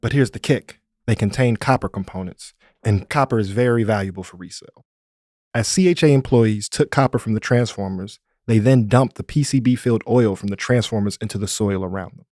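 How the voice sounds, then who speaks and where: A man co-hosting a podcast, explaining things in a relaxed, conversational way. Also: lowish voice, brisk, no echo, clean studio sound. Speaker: podcast co-host. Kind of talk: casual explanatory narration.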